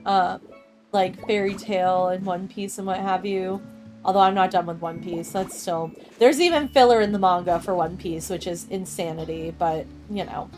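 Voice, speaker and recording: Faint music plays behind a young adult woman's lowish, slightly mellow voice as she streams a game at a normal speed. Her chat with viewers is casual and rambling, skipping from thought to thought with frequent laughter.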